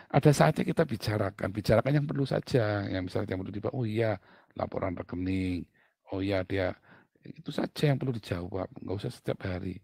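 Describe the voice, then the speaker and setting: Blunt, husky-voiced male pastor preaching. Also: medium pitch, dry recording, poor audio. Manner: blunt, animated, jokes and laughs with the congregation. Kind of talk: sermon.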